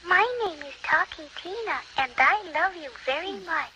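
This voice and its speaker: Casting: creepy sweet girl doll for TV drama, tiny high voice, deliberate toy-like phrasing. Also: sharp tone, slight background noise, exaggerated voice, low-quality recording. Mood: sugary.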